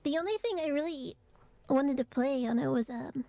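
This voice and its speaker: A woman streamer chatting casually and haltingly, her voice phlegmy and rattly in the chest, congested from allergies. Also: high voice, gravelly, warm tone, no room sound. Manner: halting, hesitant, trailing phrases. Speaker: vtuber streamer. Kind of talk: casual livestream chat.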